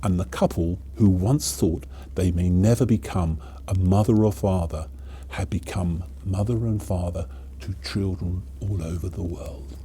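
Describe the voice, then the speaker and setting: A man playing a kindly old Father Christmas, gently narrating a storybook to children. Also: low voice, fairly even intonation, a little slow, a little hiss or hum. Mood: gentle storytelling.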